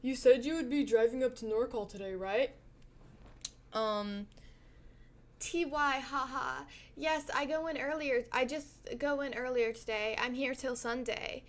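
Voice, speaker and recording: A woman's voice: high-pitched, unhurried. A young woman co-hosting a casual podcast, giggling as she reads text messages aloud and calls out each emoji. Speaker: podcast co-host. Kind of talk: casual podcast chat, reading posts aloud.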